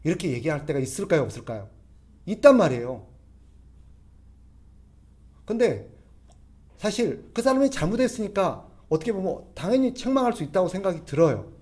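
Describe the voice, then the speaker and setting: Male pastor, sermon. Very expressive pitch that swoops up and down, chatty delivery, keeps asking the room questions. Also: moderate pace, long pauses. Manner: conversational preaching with everyday examples. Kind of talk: expository sermon.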